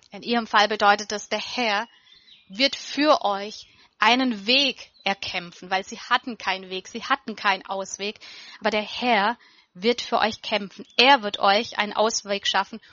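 A woman preaching a sermon in an earnest, emphatic way, slowing down to stress quoted verses. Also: medium pitch, bright, forceful tone, dry recording, lo-fi sound.

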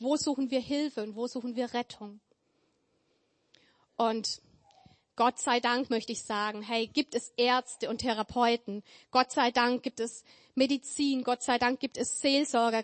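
A woman preaching a sermon in an earnest, emphatic way, building her points through repetition. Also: on the high side. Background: church hall with tables.

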